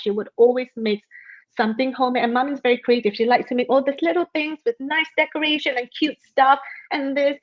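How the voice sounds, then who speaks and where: A woman's voice: on the high side, lo-fi sound. A woman from Malaysia, a guest author telling a personal story in a conversational interview, with many fillers.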